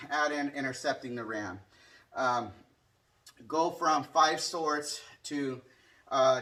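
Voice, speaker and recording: Man teaching martial arts, bright, distant mic. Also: fairly high pitch. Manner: punctuates explanations with short strike sounds and counts. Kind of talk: hands-on demonstration teaching, casual explanation. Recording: distant microphone.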